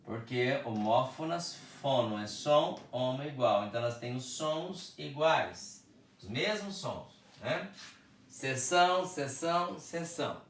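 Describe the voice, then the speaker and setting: A male teacher with a Brazilian Portuguese accent explains a lesson at a very slow, deliberate pace, repeating key words for emphasis. His voice sits at a middle pitch. It is recorded from a distance in an echoey room. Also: lively intonation, slight background noise. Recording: echoey room, speaker far from mic.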